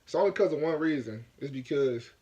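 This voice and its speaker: A man from Africa talks through his opinion of a film in a loose, rambling vlog style. He circles back and repeats points, leaning on "like" as filler. His voice sits a touch higher than most men's. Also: animated, brisk, dark tone, muffled recording. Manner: rambling, repeats himself, lots of "like". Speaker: vlogger reviewing a movie. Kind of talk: casual movie review vlog.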